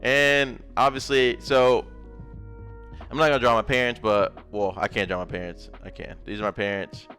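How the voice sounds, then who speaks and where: Rambling through his life story while drawing, a young man from Memphis, Tennessee, sprinkles in little sound effects. He's a gaming content creator with a Southern accent and a bright, forceful, mid-range voice, a steady tone, and normal speed, with soft background music.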